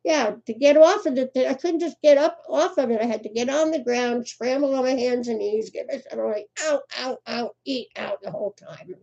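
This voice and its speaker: A woman's voice: high voice, brisk, creaky, few pauses, warm tone. An older woman, hosting a casual crochet livestream, chatty and laughing often as she greets viewers by name. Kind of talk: casual live chat. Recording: muffled lo-fi livestream audio.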